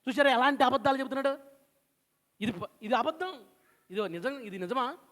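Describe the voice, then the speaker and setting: A man's voice: very high-pitched, lively intonation, brisk, a bit bright, in a large hall. A man preaching a sermon, retelling a scripture story with acted voices and rhetorical questions. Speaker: pastor.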